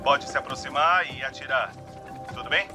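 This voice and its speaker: A man's voice: medium pitch, normal speed. Male field worker giving instructions, music behind. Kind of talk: short working instructions in the field. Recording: music over field recording.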